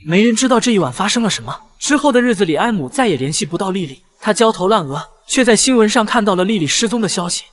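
A man's voice: high voice, animated, quick pace, few pauses. A man reading scripted narration as a drama recap narrator.

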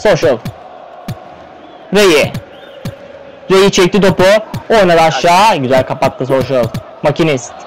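A man calling an online football game play by play, firing off player names and bursting out in excitement at the goals. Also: fairly high pitch, measured pace, pauses often, over music, a crowd in the background, low-quality recording. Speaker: play-by-play commentator. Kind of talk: live esports play-by-play commentary.

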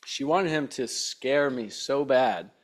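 A man's voice: medium pitch, lively intonation, takes it slowly. A man in his forties, a guest on an interview podcast, telling rambling, laughing anecdotes about his childhood into a studio condenser mic at home. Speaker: guest, spiritual mentor. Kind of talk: casual storytelling in an interview. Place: home room with a poster on the wall. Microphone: large studio condenser mic with pop filter.

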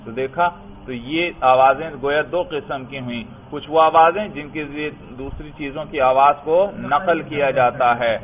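A man's voice: mid-range voice, hardly any pauses. A man from Pakistan teaching Arabic grammar in a classroom lecture. He keeps asking the class questions, answers them himself and calls his listeners brother. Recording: tinny phone-like lecture recording.

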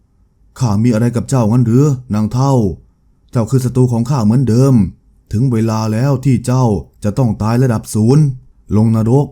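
A man's voice: medium pitch, fairly even intonation, normal speed, mellow, lightly acted. A man voicing a menacing, gaunt male demon lord who talks harshly and taunts. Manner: harsh, taunting, mocking laughter.

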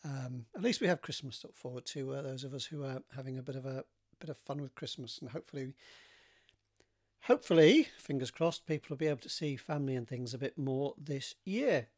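A man, an author chatting casually about his writing with many pauses and restarts. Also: mid-range voice, darkish tone. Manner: rambling, many fillers and restarts. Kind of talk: casual chat to camera.

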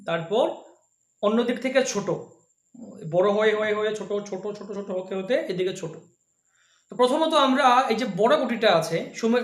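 A man giving a slow, patient devotional lesson, showing each step by hand and chanting softly between explanations. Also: high-pitched. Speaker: devotional teacher. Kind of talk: slow spoken instruction with chanting. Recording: echoey room.

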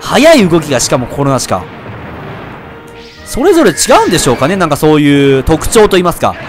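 Fast-talking male gamer, jumpy and loud over quiet game music. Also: a little high. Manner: excitable, yelps and shouts at hits. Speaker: let's play gamer. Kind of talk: excited game commentary.

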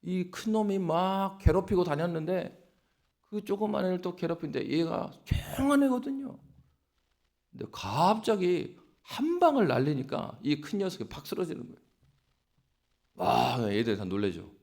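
A male pastor preaching a dawn sermon with animated storytelling and exhortation. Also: high voice, moderate pace, creaky.

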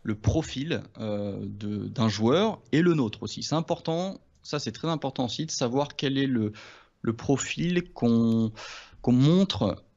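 A man walking through poker ideas in a relaxed lesson. He talks hesitantly and keeps restarting his phrases. The sound is a little dull and muffled. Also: medium pitch, measured pace. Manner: hesitant, many restarts and fillers. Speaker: poker coach. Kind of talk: casual two-host poker lesson.

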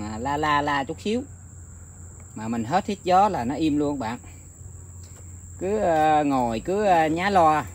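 A man talking casually to his viewers outdoors, rambling with many filler pauses. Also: fairly high pitch, slight background noise. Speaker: bird-trapping vlogger. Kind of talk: casual outdoor vlog narration. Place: outdoors in countryside.

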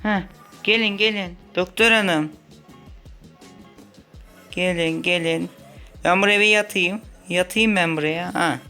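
A man's voice: sits high, fairly even intonation, takes it slowly, pauses often, pushed and bright, faint music behind. A male gaming host in a playful role-play, playing a whiny, complaining patient with mock drama.

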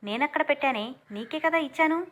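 A woman's voice: high-pitched, brisk, a bit bright. A woman voicing a scheming middle-aged aunt who scolds and wails in a storybook reading. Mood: scolding. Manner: scolding, wailing.

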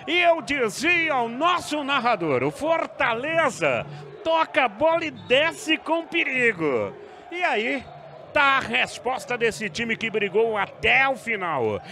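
Explosive high-pitched male Brazilian goal commentator. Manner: shouts and stretches out words excitedly. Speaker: football match commentator.

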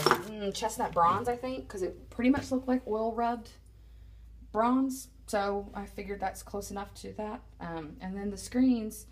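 A low-pitched woman chats her way through a casual walkthrough, rambling with plenty of ums and side remarks. She sounds close to a handheld phone inside a bare wooden shed. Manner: chatty, rambling, many ums and asides. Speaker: vlogger building a tiny house.

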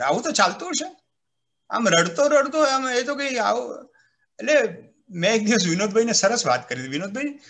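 A man, a retired civil servant, giving an animated storytelling talk on a video call, acting out quoted voices and reciting verse. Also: high voice. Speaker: retired civil servant speaking at a literary event. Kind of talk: anecdotal speech at an online literary program.

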